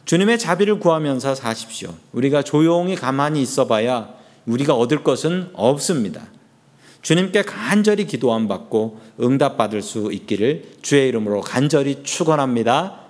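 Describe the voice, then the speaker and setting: Lively-voiced preaching pastor. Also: male voice, mid-range voice, normal speed. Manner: fervent preaching, raises voice for emphasis. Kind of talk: sermon.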